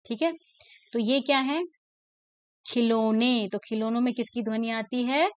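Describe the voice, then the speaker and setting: A woman teacher with a voice on the high side patiently explains a textbook lesson to young children. She repeats words slowly and checks whether they follow with "ठीक है ना". Her tone is clean with no echo, in a dull, lo-fi, dry recording.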